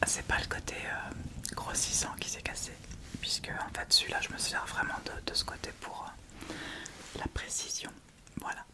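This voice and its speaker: A woman whispers close to the microphone at a moderate pace, breathy and gentle. She's an ASMR video creator guiding listeners through a casual tutorial one unhurried step at a time.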